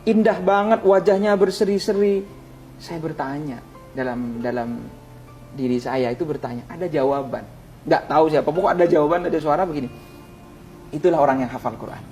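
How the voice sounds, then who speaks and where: A man speaking as a religious teacher tells a personal story with fervent emotion. His voice moves between hushed murmurs and louder, pleading stretches. Faint music sits low behind him. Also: steady tone, a little fast. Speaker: religious teacher recounting a near-death experience.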